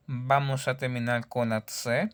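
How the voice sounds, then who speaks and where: A man teaching a language lesson, patiently repeating words and sounds slowly for learners. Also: medium pitch, flat delivery, fairly bright tone, clear, resonant tone.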